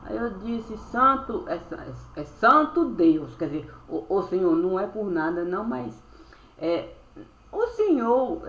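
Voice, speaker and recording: A woman telling a spiritual story as a monologue, in rhyming, sing-song phrases that end on drawn-out verbs, recorded on a webcam. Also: a little high, pushed and bright. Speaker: storyteller recounting a spiritual experience. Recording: echoey room.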